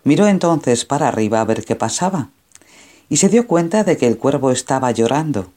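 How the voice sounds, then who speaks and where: Mellow-voiced male storyteller. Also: medium pitch. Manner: calm, measured storytelling. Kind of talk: storybook narration.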